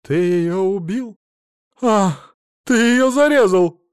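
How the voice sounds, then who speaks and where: A screeching, accusing older mother-in-law, her voice pitched high and blaring, as a male narrator puts her on. She rants without pause in this audiobook scene, and the recording is close and dry. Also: dry recording, close to an everyday voice. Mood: hysterical.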